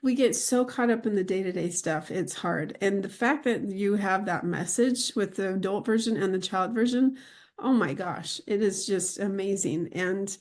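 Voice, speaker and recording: Middle-aged woman host, rambling, chatty, mid-pitched. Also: a little mellow. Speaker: podcast host. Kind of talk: casual conversation.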